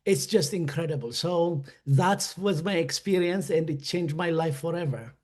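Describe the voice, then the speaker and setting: An Ethiopian man with a notably high, light voice and a darkish tone tells his story as a webinar guest. He comes across as earnest and halting, with frequent fillers and restarts.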